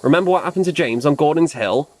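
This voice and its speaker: A man's voice: fairly high pitch, animated, quick pace, background noise, close to an everyday voice. A man voicing a patient engine driver who explains and scolds. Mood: explaining.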